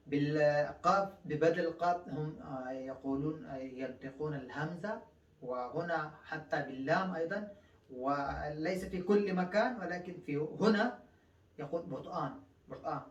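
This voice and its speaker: Recorded far from the mic with the highs cut off, a man with a slightly high voice teaches in an echoey room. He's an Afghan language teacher whose first language is Pashto. The casual lesson moves slowly, padded with long fillers and repeated phrases.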